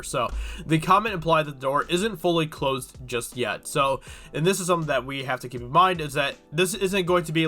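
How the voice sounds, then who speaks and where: A YouTube host with a cold speaks in a bright, forceful voice at medium pitch, though it sounds congested. He casually works through a news article, commenting and rambling with lots of fillers.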